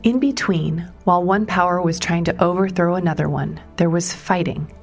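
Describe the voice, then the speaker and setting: A woman reporter narrating a documentary story in a measured storytelling way, sometimes stressing questions. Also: on the low side, creaky. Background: music underneath.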